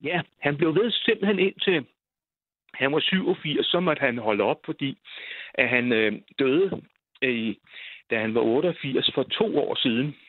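A man's voice: medium pitch, expressive, dry recording. An older man telling a personal story in a rambling way, full of hesitations and repeated words. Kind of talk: casual storytelling. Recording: tinny phone line.

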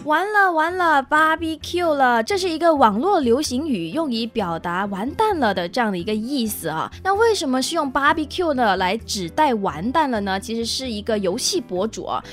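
A woman who hosts a radio English lesson and chats in a lively way, asking questions. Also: fairly high pitch, brisk, few pauses, faint music behind. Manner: lively, laughs often, asks questions. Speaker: radio host.

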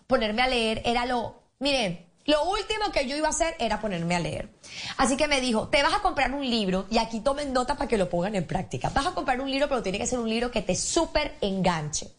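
A woman telling a story in a casual chat, animated, acting out quotes and laughing often. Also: fairly high pitch.

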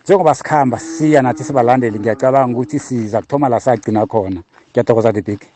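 Fast, mellow South African man. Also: mid-range voice. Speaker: radio sports show caller. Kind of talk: casual football talk.

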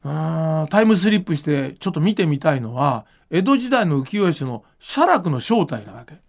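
Talking at a normal pace, this manga creator and podcast host sounds high-pitched with lots of creak, his intonation moving around freely. He explains things informally and animatedly, like someone thinking out loud on his show.

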